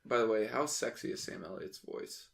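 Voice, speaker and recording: A man with a crisp, bright tone and a rough fry in his voice talks through a movie in casual banter. He jokes, curses freely and laughs a lot as he hosts. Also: fairly low pitch, lively intonation, normal speed. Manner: joking, swears freely, laughs often. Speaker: podcast host. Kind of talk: casual movie review chat.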